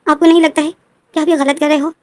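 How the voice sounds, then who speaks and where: A woman's voice: high-pitched, level tone, fast talker, no room sound, voice pushed up, close to an everyday voice. A woman voicing a desperate, hurt sixteen-year-old boy who pleads and questions.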